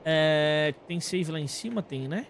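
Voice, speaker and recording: Brazilian male streamer, high voice, highly varied intonation, slangy off-the-cuff gameplay chatter. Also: expressive, a little slow, slight background noise. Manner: informal, slangy, thinking aloud. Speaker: game streamer talking to live chat. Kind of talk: casual gameplay commentary.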